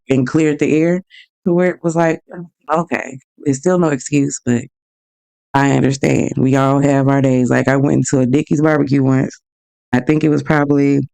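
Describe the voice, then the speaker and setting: A woman hosting her own show, telling personal stories in a frank, animated way and acting out both sides of each exchange. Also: deep voice, gravelly, smooth. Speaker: podcast host. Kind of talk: casual personal storytelling.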